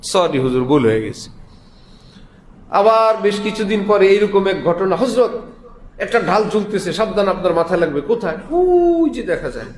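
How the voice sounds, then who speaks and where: Delivering a Friday sermon in an echoey mosque, this preacher speaks with a Bangladeshi Bengali accent in a high, lively voice at a moderate pace. His anecdotes are acted out, with the characters voiced and frequent chuckles along the way.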